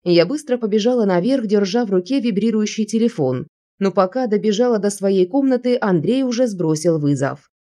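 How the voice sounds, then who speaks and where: A woman reads a first-person novel aloud as an audiobook narrator. Her voice is warm and mellow, sitting at a middling pitch. She narrates expressively. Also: expressive, brisk.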